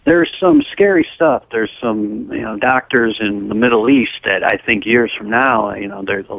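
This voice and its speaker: A man in his forties calls in to a talk radio show, chatting in an easygoing, agreeable way and cursing now and then. His voice is low and gravelly. It comes through a dull, lo-fi phone line that sounds dry and close. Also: normal speed, no room sound. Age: 40s. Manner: agreeable, chatty, casual swearing. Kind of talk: casual radio chat.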